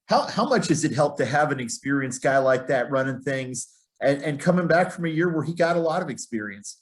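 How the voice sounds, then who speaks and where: A man's voice: on the high side, expressive, brisk. Male sports interviewer asking conversational questions.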